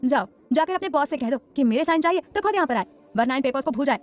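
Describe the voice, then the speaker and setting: A woman's voice: high voice, lively intonation, fast. A woman voicing a bold young bride who talks in a stern, commanding way in an audio story. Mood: defiant. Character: fierce bold young bride, defiant and sharp.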